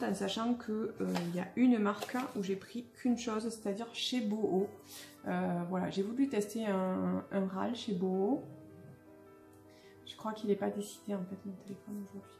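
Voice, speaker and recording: Young woman vlogger, casual and halting, mellow tone, echoey room with faint music. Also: mid-range voice, gravelly. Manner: hesitant, many fillers and restarts. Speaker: beauty vlogger. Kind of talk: casual unboxing chat.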